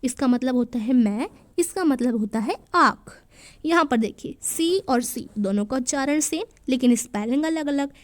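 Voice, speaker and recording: A woman's voice: high-pitched, lively intonation, moderate pace, no echo. A woman teacher explaining a worksheet to young children, patiently spelling words out letter by letter and mixing English sentences into her Hindi.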